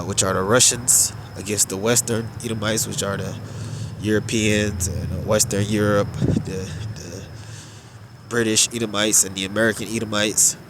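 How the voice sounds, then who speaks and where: Speaking slowly with filler pauses that draw out his phrases, a man delivers religious commentary. His fairly low voice sounds nasal and congested, and background noise can be heard.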